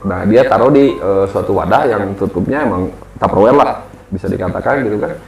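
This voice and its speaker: A man's voice: on the low side, a little fast, creaky. A man, casually telling a ghost story as a guest and acting out the people he quotes. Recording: roomy echo with music behind.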